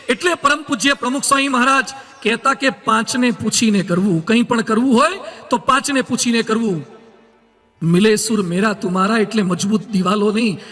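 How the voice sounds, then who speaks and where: Male monk, very high voice, humorous sermon storytelling, long hall reverb, faint music. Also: sharp tone. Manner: humorous storytelling, emphatic moral points.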